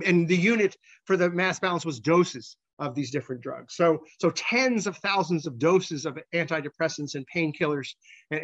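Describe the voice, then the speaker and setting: A man giving a conversational scientific slide presentation as a researcher, halting, with repeated words and false starts. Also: a little high, a bit bright, muffled recording.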